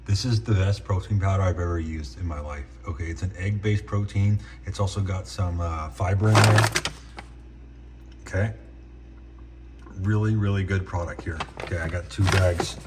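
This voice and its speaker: A man with a deep voice speaks casually to his video diary audience, his mouth held a little stiff by a sore jaw. He is laid-back and chatty. The recording is echoey, with clear background noise and rumble. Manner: stiff, restricted mouth movement from a sore jaw after surgery; laid-back, addresses viewers as guys with tags like okay and right. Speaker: vlogger.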